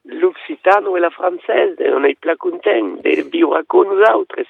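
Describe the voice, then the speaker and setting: A man's voice: sits high, a little slow, gravelly, no echo. A man speaking as a radio guest, talking in a hesitant way and mixing French with Occitan, heard over a phone line. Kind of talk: radio interview.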